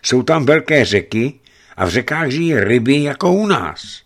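A man narrating a historical story in a measured, grave manner. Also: mid-range voice, big pitch swings.

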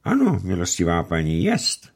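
A man voicing a kindly old peasant grandmother who talks in a homely, gently scolding way. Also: sits low, huge pitch swings, vocal fry, heavily acted. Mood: homely, gentle.

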